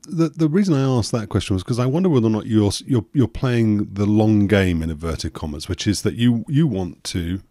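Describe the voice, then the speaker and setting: A man's voice: fairly low pitch, animated, brisk, few pauses, dark tone, dry recording, studio quality. A man hosting an interview podcast, asking probing, thoughtful questions. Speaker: podcast host.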